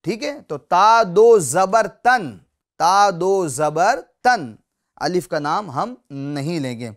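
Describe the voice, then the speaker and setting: In a spoken Quran reading lesson, a man with a somewhat high voice repeats each example slowly and patiently. Looking straight to his viewers, he asks them to read along, often saying "theek hai" as he moves between points.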